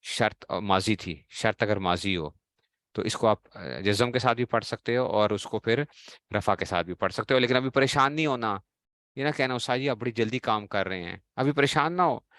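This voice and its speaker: Deep-voiced man teaching a class. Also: normal speed, fairly bright tone, no echo. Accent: Pakistani Urdu. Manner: explains in a question-and-answer style, quizzing students. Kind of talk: classroom grammar lesson.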